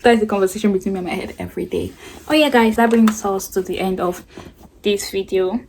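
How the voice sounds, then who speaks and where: A late-teen girl with a medium-pitched, slightly mellow voice talks fast while doing her makeup for a get-ready-with-me vlog. She rambles casually and calls her own chatter yapping. There's a faint hiss or hum in the recording.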